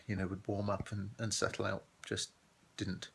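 A British man with a deep, creaky voice speaks in a flat, subdued way. He is recording a casual, hesitant diary on a phone in a small room. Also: normal speed, slight background noise. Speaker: vlogging runner. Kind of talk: casual spoken video diary. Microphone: phone at arm's length.

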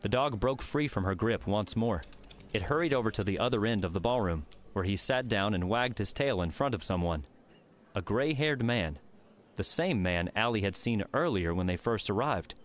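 A man narrating an audiobook in steady, even storytelling. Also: fairly low pitch, normal speed. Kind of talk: scripted narration.

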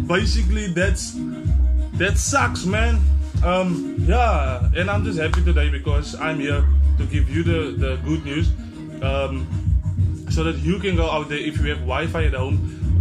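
Loud music plays behind a young South African man with a slightly high-pitched voice and an Afrikaans tinge to his accent. He talks casually to camera like a tutorial vlogger, blunt and slangy. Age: 20s. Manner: blunt, slangy, mildly sweary.

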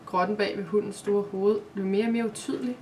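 A woman's voice: mid-range voice, fairly even intonation, a little mellow, recorded from a distance. An author reading her own story aloud, plainly and steadily, now and then catching a slip and correcting herself. She sits a little away from the mic, with faint hiss in the background. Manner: plain reading with small slips and self-corrections.

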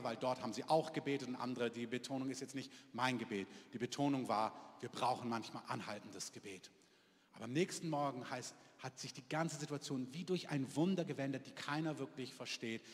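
A man's voice: medium pitch, a bit bright. A man preaching in a casual, storytelling way, often asking the congregation questions. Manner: conversational storytelling, asks audience questions. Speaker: pastor. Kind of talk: sermon. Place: church hall. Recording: long hall reverb.

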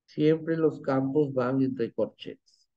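A man's voice: mid-range voice, slow pace. A man teaching a live online class, patient and often checking in with his students. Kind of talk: live online class, screen-share demo. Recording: muffled lo-fi online class audio.

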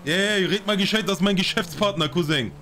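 A man's voice: high-pitched, quick pace, a crowd in the background. A man streaming a role-play live, talking in character in a brash, boastful, slangy way.

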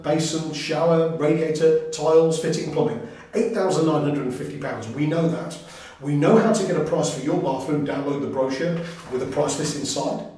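A middle-aged man gives a lively sales walkthrough of a bathroom he has fitted, ticking off items one after another. His voice sits a little high but sounds mellow, and it rings loudly off the hard tiled walls. He is some way from the camera. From England. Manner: enthusiastic, lists items quickly, points things out. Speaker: bathroom fitter showing a finished job. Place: small tiled bathroom, indoors. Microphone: 360 camera in the middle of the room. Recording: very echoey small tiled room, voice from a distance.

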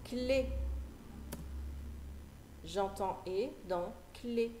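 Woman teacher, phonics lesson for small kids, very slow careful delivery, each word repeated, echoey room, faint background hum. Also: medium pitch, expressive, darkish tone. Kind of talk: phonics lesson for young children.

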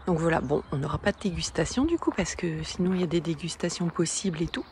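A woman's voice: on the low side, animated, a little mellow. Chatty French woman vlogging from a camper van. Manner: chatty, many filler pauses. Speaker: travel vlogger. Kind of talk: casual vlog narration. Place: camper van and outdoor campsite. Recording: noisy road and vehicle background.

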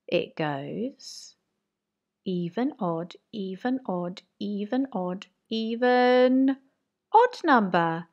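A woman teaching a maths lesson to young children, talking slowly and encouragingly in a sing-song way. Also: mid-range voice, expressive, darkish tone, lo-fi sound. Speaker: reception teacher.

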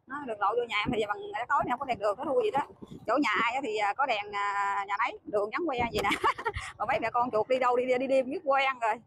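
A woman with a Southern Vietnamese accent, a vlogger mother chatting casually to her viewers as she rides a motorbike on a dark country road at night. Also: on the high side, quick pace. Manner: chatty, keeps addressing viewers as family. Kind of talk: casual vlog narration to viewers. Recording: noisy outdoor road recording.

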